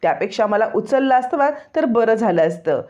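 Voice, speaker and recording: A woman's voice: fairly high pitch, animated, moderate pace, darkish tone, natural voice. Woman reading as a lamenting old grandmother. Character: elderly grandmother, grieving family matriarch. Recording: dull lo-fi recording.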